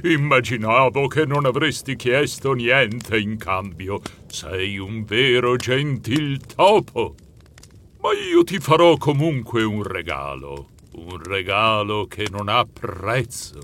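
An actor playing a wise, jolly old Santa Claus who talks warmly and thunders when cross. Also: male voice, big pitch swings, takes it slowly, a little hiss or hum, heavily acted. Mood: kindly. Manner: warm booming laugh, thundering when cross. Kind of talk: audiobook character voice.

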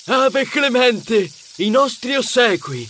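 A man voicing a boastful, greedy male mouse cousin in a storybook reading, drawing his words out slowly. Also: extremely high pitch, very animated, bright, forceful tone, a little hiss or hum, voice pushed up, exaggerated voice. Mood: pompous.

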